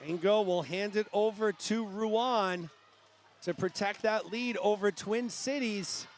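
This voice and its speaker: A man with a New England accent calling a youth swim meet live, brisk play-by-play that rises at the finishes. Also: high voice, a little hiss or hum. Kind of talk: live sports commentary.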